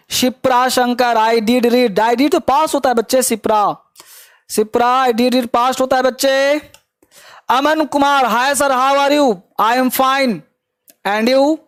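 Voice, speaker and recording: Teaching English live online, a man with a Bihari Hindi accent encourages students, repeats his prompts and pushes for fast answers. He has a very high, clear, resonant voice, heard in studio-quality audio with no room sound.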